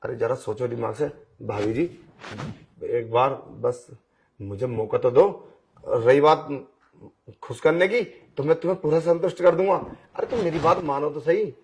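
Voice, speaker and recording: A pushy blind young man in a Hindi audio drama, played by a man, wheedling and coaxing without letting up. His voice sits at an ordinary middle pitch. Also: unhurried, a little mellow, close to an everyday voice. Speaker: voice actor.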